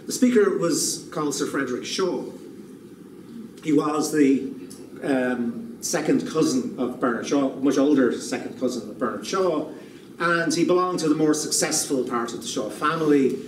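A man in his sixties, standing at a lectern in a lecture room, gives a public keynote lecture in a voice on the high side at a moderate pace. He is thoughtful, often restarting and repeating words as he works out each point. The echoey recording has room noise, and he is far from the mic.

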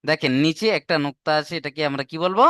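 A man's voice: on the high side, quick pace, fairly bright tone, smooth, no room sound, studio quality. A man teaching an online Arabic alphabet class, patiently repeating each letter, drawing out the sounds and quizzing his students. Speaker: Quran reading teacher.

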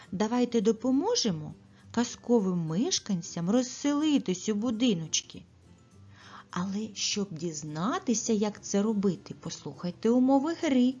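A woman teacher giving a speech lesson to small children, saying each word slowly and carefully and pausing for their answers. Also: medium pitch, a little mellow, husky, lo-fi sound. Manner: slow, carefully articulated, pauses for children's answers. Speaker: preschool teacher.

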